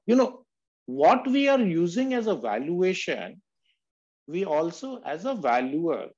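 A man teaching on an online call, explaining emphatically and addressing listeners as sir. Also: high voice. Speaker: valuation instructor. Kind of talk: explanatory online lecture with questions and answers. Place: online group video call. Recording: dull lo-fi video call audio.

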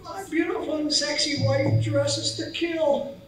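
An older woman playing a joking married man at a bar in an amateur stage comedy skit, delivering one-liners slowly. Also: high-pitched, fairly even intonation. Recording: echoey hall, far-off mic, faint noise.

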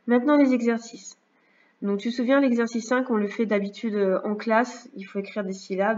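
A woman teacher talks a young child through a home lesson, patient and unhurried, pausing to check in. Her voice sits at an ordinary pitch. It is recorded on a computer mic that sounds a little dull and lo-fi. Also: a little mellow. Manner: patient, slow and clear, checks in with "d'accord?". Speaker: first-grade teacher. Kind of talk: remote lesson narration over slides.

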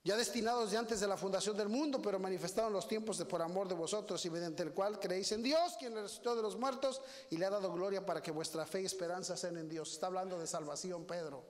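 A man with a Mexican Spanish accent preaching a sermon in a church, animated and folksy, often turning to the congregation with asides. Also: high-pitched, fast talker, hardly any pauses. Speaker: guest preacher. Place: church sanctuary. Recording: long church reverb.

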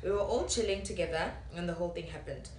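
A woman's voice: lowish voice, fast, darkish tone. A young woman guest in a casual chat, playful and laid-back. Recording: echoey room with faint noise.

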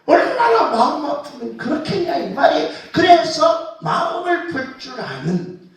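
A man's voice: extremely high pitch, very animated, measured pace. A male pastor preaching a Sunday sermon. He asks rhetorical questions, repeats key words and uses blunt, folksy phrasing. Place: church sanctuary during Sunday worship. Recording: very echoey hall, distant mic.

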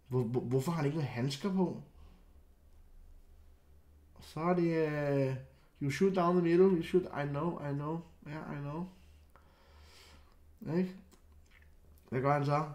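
With a roomy sound, the clip captures a young man's excitable, casual take on football clips. He keeps stammering and restarting, and his loud outbursts fade to muttering.

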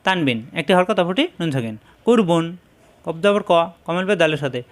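High-voiced man drilling letter sounds. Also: expressive, a bit bright. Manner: repeats syllables slowly, corrects pronunciation. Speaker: Quran reading teacher. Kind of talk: slow drilled lesson.

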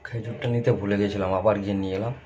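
A man's voice: on the low side, little pitch movement, racing, darkish tone, lo-fi sound, slight background noise. A man filming a casual family vlog at home, chatting to his viewers as friends while food cooks. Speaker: family vlogger. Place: home kitchen and a shop, indoors.

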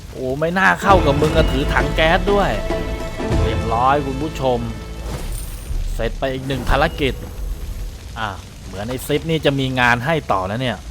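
A young man commentating a video game, talking to his viewers, often shouting and swearing. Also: mid-range voice, expressive, normal speed, music in the background. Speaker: gaming streamer. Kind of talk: excited Let's Play commentary. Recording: game sounds and noise behind.

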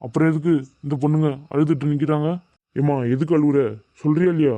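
A strict middle-aged college lecturer in a cartoon, voiced by a man, who scolds and presses for answers. His voice is dark and quick, and the recording is dry. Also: fairly high pitch, flat delivery, no room sound, natural voice. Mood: stern. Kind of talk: animated cartoon dubbing.

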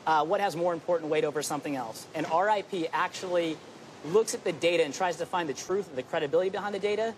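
A man's voice: a little high, fast, slight background noise, low-quality recording. A man in his thirties explaining his company on an outdoor TV set, eager and confident. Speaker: company co-founder guest. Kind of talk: business news interview.

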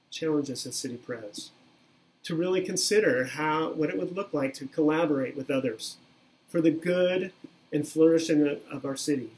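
A man in his fifties preaching a sermon by webcam from a small room, in an earnest, measured way that repeats key phrases. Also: a little high, a little mellow, poor audio. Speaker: pastor. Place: small plain room indoors. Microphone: webcam at desk, video recording.

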